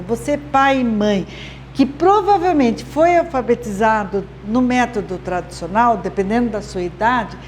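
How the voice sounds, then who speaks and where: A woman, a literacy teacher explaining to parents slowly and patiently, often checking they follow. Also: sits high, a little mellow, a little hiss or hum. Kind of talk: instructional video talk to parents.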